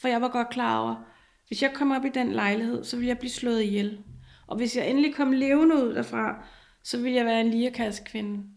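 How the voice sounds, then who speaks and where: A young woman telling a personal story in a halting way, with many fillers and restarts. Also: a little high, vocal fry, a little mellow.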